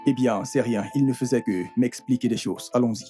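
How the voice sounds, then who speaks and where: A man's voice: mid-range voice, brisk, mellow, soft background music, lightly acted. A man voicing a young adult son and boyfriend in a dubbed film, often hesitant and stammering. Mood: casual.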